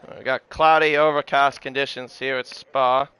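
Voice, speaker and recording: A man's voice: mid-range voice, flat delivery, moderate pace, sharp tone, smooth, poor audio. A man giving live play-by-play motorsport commentary on an online race, often correcting himself as he goes. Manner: hesitant asides, self-correcting, exclaims at incidents.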